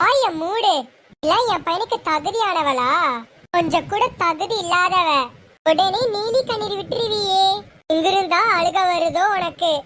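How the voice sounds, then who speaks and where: A woman's voice: very high-pitched, measured pace, a bit bright. A woman voicing a scornful, domineering mother-in-law who scolds her daughter-in-law. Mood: scolding. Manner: scolding, contemptuous. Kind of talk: amateur serial voice acting.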